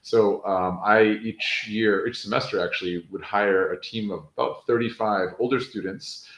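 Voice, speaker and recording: A man's voice: lowish voice, normal speed, a bit bright. A man from the United States with an American accent, explaining student services fluently on an online panel. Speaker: panel speaker, former student affairs officer. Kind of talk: webinar panel talk. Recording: roomy echo.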